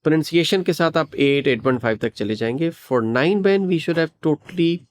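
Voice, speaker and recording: A man's voice: a little high, animated, a little slow. A man from Pakistan with a Pakistani accent, an IELTS teacher explaining patiently in an interview and repeating phrases for emphasis. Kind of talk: interview answers, mixing English phrases.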